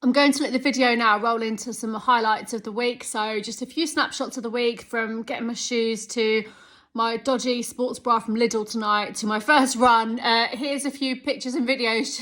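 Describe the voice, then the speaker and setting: A woman's voice: a little high, fairly even intonation, normal speed, fairly bright tone. A woman in her thirties chatting casually and a bit ramblingly in a vlog. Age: 30s. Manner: chatty and rambling, self-aware, determined. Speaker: vlogger. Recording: echoey room.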